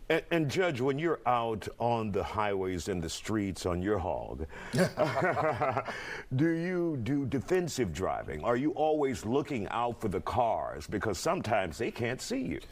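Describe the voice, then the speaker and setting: A man's voice: mid-range voice, sing-song, measured pace. A man hosting a broadcast interview show, putting questions to his guests. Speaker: talk show host.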